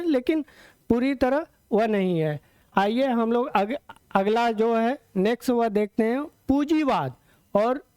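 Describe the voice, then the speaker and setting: Guy teaching exam prep, smooth clear voice, dry close mic, keeps repeating key words and asking questions. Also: extremely high pitch, a little mellow, no echo.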